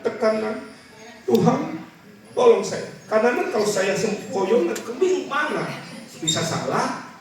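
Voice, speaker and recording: A man preaching a lively, animated church sermon to a congregation, illustrating his points with everyday stories. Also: high-pitched, recorded from a distance. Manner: animated, rising to shouted calls to the congregation. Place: large church hall with a congregation. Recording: echoey church hall, mic from afar.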